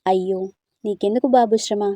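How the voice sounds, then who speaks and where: A kindly old grandmother in a storybook, gentle and fond, voiced by a woman reader. The voice is mellow and warm, and the recording is dry and close. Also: mid-range voice, fairly even intonation, moderate pace, dry recording, lightly acted. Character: kindly old grandmother, soft-hearted and sad.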